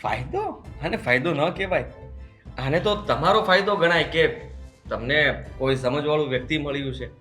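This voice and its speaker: A man's voice: a little high, moderate pace, bright, forceful tone, faint music behind. An actor playing a pushy young brother-in-law who pesters his sister-in-law with insistent, wheedling talk. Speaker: actor in a web drama.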